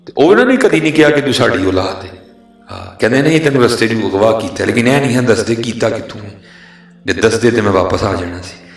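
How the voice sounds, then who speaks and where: A man's voice: lowish voice, expressive. A man preaching, telling a story with drama and acting out the characters' voices. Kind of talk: sermon storytelling. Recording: very echoey hall.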